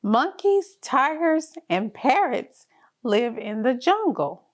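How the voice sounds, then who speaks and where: A woman reads a picture book aloud for very young kids in a high-pitched, very animated voice, taking it slowly. Her delivery is sing-song, encouraging and clearly aimed at toddlers.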